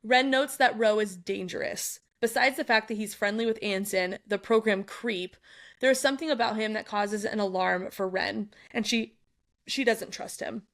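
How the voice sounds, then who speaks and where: A young adult woman talks through a book's chapters on a podcast she co-hosts. Her delivery is animated and chatty, broken up by frequent laughter and quick side remarks. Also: mid-range voice. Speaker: book club podcast co-host. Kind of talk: casual chat recapping a book.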